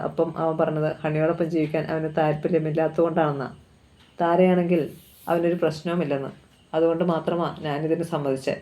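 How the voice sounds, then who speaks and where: A woman's voice: low-pitched, dark tone. A woman reading a novel aloud, telling the story steadily and lightly voicing the dialogue. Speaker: novel reader.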